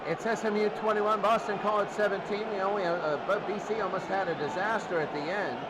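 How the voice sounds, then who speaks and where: This male announcer speaks a little fast in a high voice with fairly even intonation, giving informal American football play-by-play as if on radio and thinking aloud as he goes. A loud, roaring stadium crowd and general noise fill the background.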